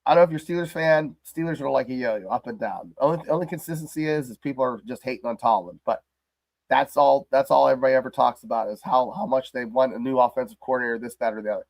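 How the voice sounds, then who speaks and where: A male host with a hoarse, crackly voice worn down by the flu. He chats loosely and jokingly about his team in a rambling livestream style. The sound is dry and close, with little room echo. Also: medium pitch, quick pace, a little mellow. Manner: rambling and jokey. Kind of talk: casual livestream sports chat.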